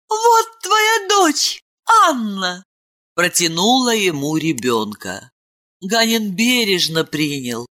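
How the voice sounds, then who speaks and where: A woman narrating an audiobook fantasy story with slow, expressive storytelling. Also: lowish voice. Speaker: audiobook reader. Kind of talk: scripted narration.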